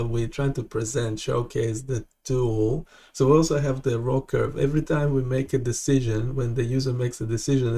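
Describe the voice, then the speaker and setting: A man chats casually while hosting a live web development stream. His talk stops and starts, full of fillers and self-corrections. His voice is mellow and relaxed, in a middle pitch. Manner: halting, with many fillers and restarts.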